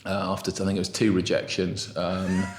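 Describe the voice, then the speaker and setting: A man's voice: deep voice, monotone, brisk, reverberant. A man in his thirties, raised in England, chatting as a restaurant co-founder guest in a small room, self-deprecating and full of fillers. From Brazil, raised in England. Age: 30s. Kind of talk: casual interview chat. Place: small room in an office building.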